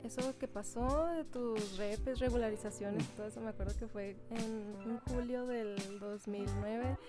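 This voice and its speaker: A woman's voice: fairly high pitch, moderate pace. A young woman, teasing and chatting casually. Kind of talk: casual chat. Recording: loud music under the talk.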